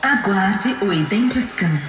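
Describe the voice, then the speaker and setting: A woman's voice: medium pitch, lively intonation, slow pace. An impersonal, goddess-like female machine voice from a video game. It announces formally in heavy echo and long reverb, with faint music behind. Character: disembodied automated female machine voice of a sealed door, taken for a goddess.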